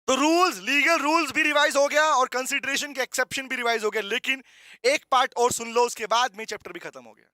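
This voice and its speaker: A man's voice: very high voice, pushed and bright, no room sound. A man giving an online law revision lecture, playful and chatty, repeating key points and calling his students "beta".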